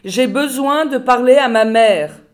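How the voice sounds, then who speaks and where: A woman reading the lines of a gentle, timid young boy in her own voice. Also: sits high, measured pace, voice pushed up. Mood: earnest.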